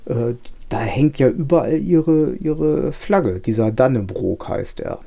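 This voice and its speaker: A man co-hosting a casual podcast chat, his voice gravelly and dark. He rambles, circling back and restarting his sentences as he thinks aloud. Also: mid-range voice, slow pace. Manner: rambling, many restarts and fillers. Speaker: podcast co-host.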